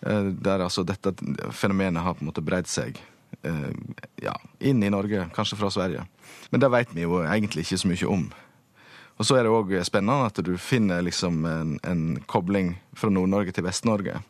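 A male linguist being interviewed, explaining patiently and pausing often to find his words. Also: low-pitched, no echo. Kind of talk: radio interview.

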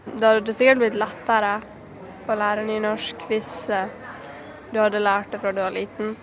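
A teenage girl answers a reporter casually, in a very flat voice with hardly any rise or fall. People can be heard clearly around her. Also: medium pitch, crowd noise. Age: teens. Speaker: pupil. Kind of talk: vox pop interview.

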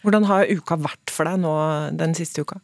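A woman radio host asking calm, gentle questions and introducing segments. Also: lowish voice, no room sound. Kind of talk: radio interview and program hosting.

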